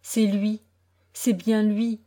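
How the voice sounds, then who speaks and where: A woman voicing a timid middle-aged father who speaks in a troubled, halting way. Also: medium pitch, little pitch movement, dark tone. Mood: shaken.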